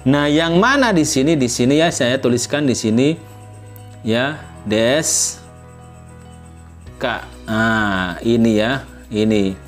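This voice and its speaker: A man's voice: medium pitch, expressive, slow pace, pauses often, soft background music. A man teaching a language lesson, patient and repetitive, who often checks in with listeners and models example sentences with an exaggerated rise at the end. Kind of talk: explanatory lesson.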